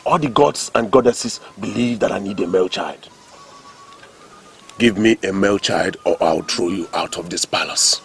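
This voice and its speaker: A man's voice: low-pitched, normal speed, creaky, faint music behind. A man with a Nigerian accent playing a stern, demanding king in a film drama, speaking in a commanding, declamatory way. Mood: stern, insistent. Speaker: actor.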